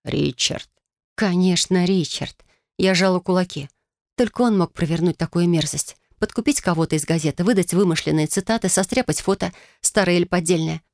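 A narrator reading a first-person romance novel in an even, measured storytelling manner. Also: mid-range voice, no echo, clean studio sound.

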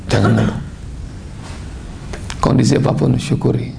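A man preaches with a deeply gravelly, fry-laden voice at a middle pitch. He tells his story in an animated way, and his voice climbs high and forceful whenever he quotes. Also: moderate pace, slight background noise. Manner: animated, rising to high emphatic tones when quoting. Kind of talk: sermon with storytelling.

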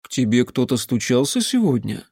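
Casting: man as weary male mage, calm and flat, dry close sound. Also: mid-range voice, moderate pace, vocal fry, slightly rough, dry recording, heavily acted. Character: tired, patient male mage.

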